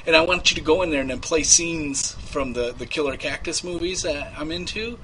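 A man voices an unhinged rich young man who rambles through a prank call, stuttering and restarting constantly. His voice sits somewhat high and sounds bright and forceful. Faint noise hums under the line. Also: brisk, low-quality recording. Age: 20s. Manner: rambling, stammering, full of fillers. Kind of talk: prank call comedy bit.

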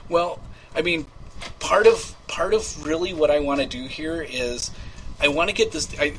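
A man voices an unhinged rich young man who rambles through a prank call, stuttering and restarting constantly. His voice sits somewhat high and sounds bright and forceful. Faint noise hums under the line. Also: normal speed, lightly acted, rough recording. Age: 20s. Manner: rambling, stammering, full of fillers. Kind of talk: prank call comedy bit.

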